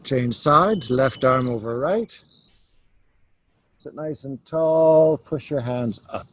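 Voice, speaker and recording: A man leading a yoga class, calmly cueing each stretch step by step. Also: mid-range voice, slight background noise. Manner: slow, calm cueing of stretches. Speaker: yoga teacher. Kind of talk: guided yoga instruction.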